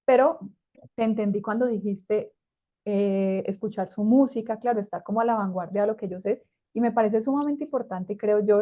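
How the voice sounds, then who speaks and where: Mellow-voiced woman hosting a podcast. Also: mid-range voice, highs cut off. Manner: asks long, winding questions. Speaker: podcast host. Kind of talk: podcast interview.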